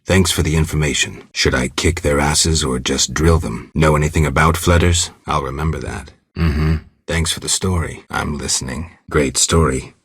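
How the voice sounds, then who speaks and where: For video game dialogue, an actor gives a gruff, laconic monster hunter for hire an extremely deep, very raspy, gravelly voice. Heavily acted yet deadpan, he delivers clipped lines with dry sarcasm at normal speed and few pauses. The sound is close and dry, with no echo.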